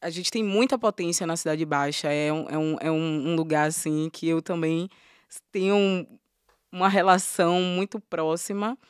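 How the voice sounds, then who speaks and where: A woman hosting a podcast, speaking thoughtfully with frequent pauses and fillers. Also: low voice, clear, resonant tone, no echo, clean studio sound. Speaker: podcast host. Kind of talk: casual podcast conversation.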